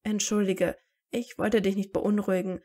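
A woman's voice: mid-range voice, level tone, normal speed, mellow, lightly acted. A woman reading aloud and voicing a tired teenage boy wizard who talks dryly and sarcastically. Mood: wry, tired. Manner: dry and sarcastic.

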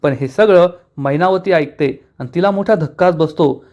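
Animated high-voiced man. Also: moderate pace. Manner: quotes each character's lines in an animated voice. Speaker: serial episode recapper. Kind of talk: casual retelling of a TV episode.

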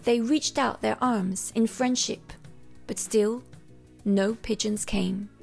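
A woman reading a children's picture book aloud in a gentle, expressive storytelling manner. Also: fairly high pitch, takes it slowly, creaky, faint music behind. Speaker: storybook reader.

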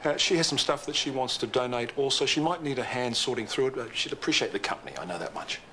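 An actor playing a brisk, businesslike hospital boss and father in a TV soap. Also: mid-range voice, lively intonation, bright, forceful tone, slight background noise. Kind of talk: TV soap acting.

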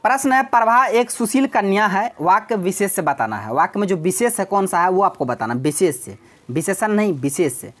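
A woman's voice: medium pitch, sing-song, normal speed. A woman teaching an exam-prep grammar lesson, explaining step by step and repeating key words.

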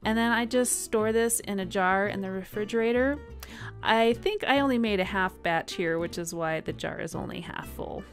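A woman hosting a cooking channel, talking through each step in a relaxed, chatty voice-over with small laughs and fillers. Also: medium pitch, moderate pace. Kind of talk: friendly voice-over cooking instructions. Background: soft guitar music.

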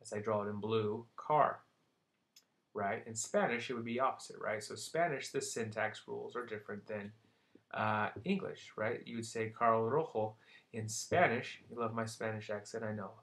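A young man with a fairly low, slightly bright voice speaks at a normal speed while teaching psychology vocabulary in a relaxed recorded lecture. He often asks "right?" or "okay?" to check in, adding playful asides along the way.

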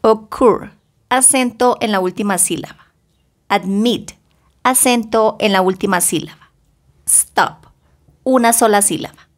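A woman teaching English grammar, slowly reading bilingual example sentences with careful pronunciation. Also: medium pitch. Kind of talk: slow bilingual grammar lesson.

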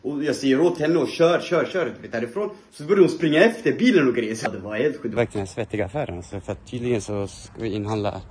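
A man's voice: medium pitch, hardly any pauses, a little mellow, echoey room, slight background noise. A man vlogging, telling a story in a casual, rambling way full of fillers, sounding tired. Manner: rambling, heavy use of fillers.

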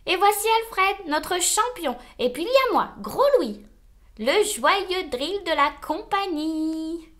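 A woman's voice: very high voice, animated, slow, pitched above the performer's own voice, heavily acted. A woman voicing a huge, cheerful male wolf who loves to joke, in a storybook reading. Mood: jolly. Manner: bright, teasing, boisterous.

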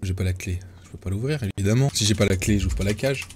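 A man's voice: lowish voice, fast talker, darkish tone, slight background noise. A man chatting casually and joking around while he streams himself playing an online game. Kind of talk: casual gameplay commentary.

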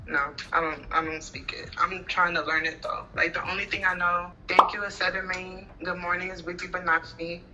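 A young Garifuna woman from Honduras is a guest in a casual video call interview, speaking fast and casually from a phone held at arm's length in a small bedroom, filling her speech with "like". Her voice is on the low side with a level tone, the recording is muffled, and loud music plays behind her.

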